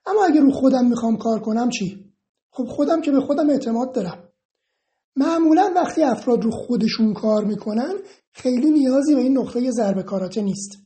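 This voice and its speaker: Calm woman explaining tapping technique. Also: on the high side. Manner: calm, reassuring, reads each question then explains. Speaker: EFT instructor answering viewer questions. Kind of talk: informal explanatory Q&A monologue.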